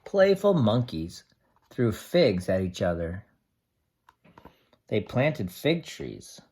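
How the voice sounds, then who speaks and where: A teacher explains things simply to young children while reading them a picture book aloud, adding expressive asides. The voice is mid-range and slow, and the recording carries a little hiss or hum.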